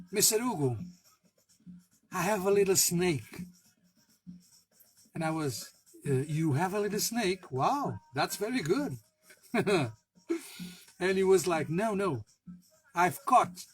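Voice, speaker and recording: Male storyteller, high-pitched and husky, slow casual anecdote with fillers and self-mocking laughs. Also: poor audio. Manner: halting, many fillers and restarts, laughs at himself, swears. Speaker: spiritual worker telling a personal story.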